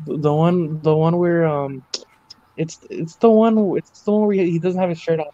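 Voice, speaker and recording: An American man appears as a guest in a casual chat, his fairly high voice warm and steady at a normal speed. He speaks hesitantly, searching for words, with many fillers and restarts. The recording sounds dull and dry.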